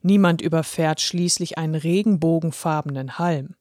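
Reading a children's storybook, a woman narrator puts on a deep voice for a kindly, moustached pen conductor who is gruff yet encouraging and old-fashioned. His voice is low, steady, reassuring and a little stern, at a moderate pace, and sounds natural in a close, dry recording with no room sound.

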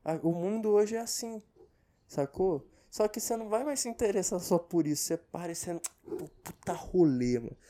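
Young man, Brazilian Portuguese accent, dark mellow tone, casual podcast monologue, profane, self-mocking. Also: sits high, brisk. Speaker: podcast host.

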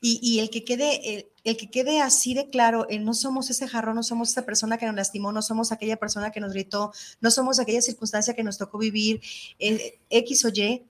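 A woman's voice: on the high side, fairly even intonation, brisk. A middle-aged woman hosting a talk, speaking in a thoughtful, earnest way. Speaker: host. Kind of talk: reflective talk show chat.

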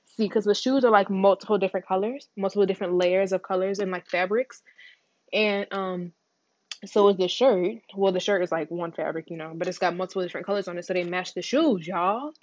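A woman's voice: mid-range voice, no room sound. Rambling chatty teenage girl, muffled. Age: teens. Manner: rambling, fast, words run together, slangy, says y'all a lot. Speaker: podcast host. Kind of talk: casual solo chat.

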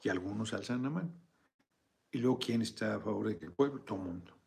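A middle-aged man hosts a casual political video chat, answering viewers emphatically, argumentatively, and insistently repeating his points. His voice is on the low side and darkish, quick, with vocal fry and a breathy edge.

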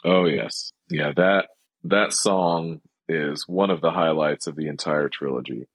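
Low-voiced man chatting on a podcast. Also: unhurried, no echo. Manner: rambling, heavy with fillers. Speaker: podcast co-host. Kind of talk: casual film discussion.

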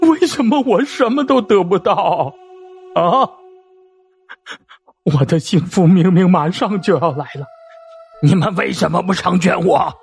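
A man voicing a cornered male doctor with a husky voice, bitter and desperate in an audio drama. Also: medium pitch, sing-song, measured pace, pauses often, faint music behind. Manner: rising into desperate shouts.

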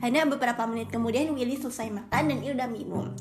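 Chatty high-voiced woman storyteller. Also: rapid-fire. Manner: chatty, rambling, self-correcting. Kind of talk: casual storytelling. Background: background music.

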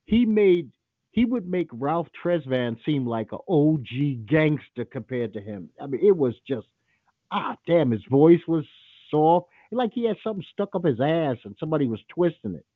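A man's voice: a little high, sing-song, moderate pace, no room sound, phone-quality sound. A man hosting a call-in show, talking in a blunt, profane and opinionated way. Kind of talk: casual call-in radio talk.

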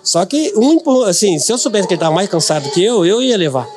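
A man's voice: high-pitched, very animated, fast. A middle-aged man from Brazil, a podcast guest, telling a personal story earnestly and repeating words for emphasis.

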